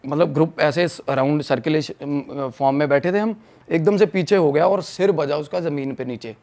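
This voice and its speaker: A man's voice: a little high, normal speed. A young man from Punjab telling a spooky story in casual podcast talk, acting out his friends' lines and mixing in English and Punjabi. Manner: animated, acts out quoted friends, mixes in English and Punjabi. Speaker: guest storyteller.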